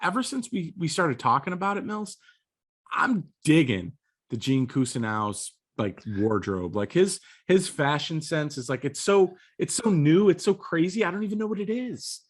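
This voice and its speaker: A man's voice: a little high, animated, normal speed. A man co-hosting a review podcast in a laid-back, slangy way, often repeating words. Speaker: podcast co-host. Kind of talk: casual review chat.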